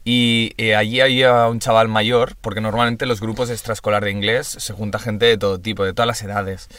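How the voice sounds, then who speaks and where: A man's voice: on the low side, flat delivery, brisk, a bit bright, dry recording. A young man with a Castilian Spanish accent chatting casually and telling stories to friends in slangy, sweary talk. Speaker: podcast co-host. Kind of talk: casual chat and storytelling among friends.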